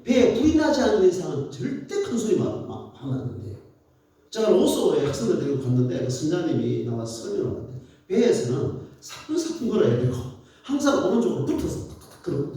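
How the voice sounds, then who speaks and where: A man preaching a sermon as pastor, telling playful stories in an animated way. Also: high voice. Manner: animated, playful storytelling with laughs. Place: church. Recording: echoey church hall, mic at a distance.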